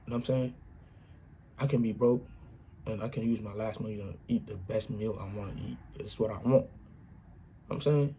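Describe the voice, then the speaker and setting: A man's voice: lowish voice, a little fast, long pauses, warm tone, a little hiss or hum. A man speaking in a casual motivational monologue, earnest and repetitive, with informal grammar and frequent "you know what I'm saying.".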